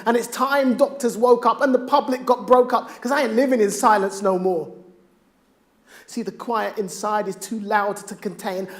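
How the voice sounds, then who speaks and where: On stage, a middle-aged father performs spoken word poetry in a high-pitched voice. His delivery is rhythmic and rhymed, swinging from hushed to loud.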